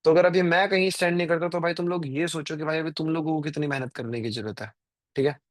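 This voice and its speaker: A man in his twenties hosts a trading live stream, talking casually and directly to his viewers in a rambling, filler-packed way. His voice is fairly high and steady, and he talks quickly. The recording is clean studio sound with no echo.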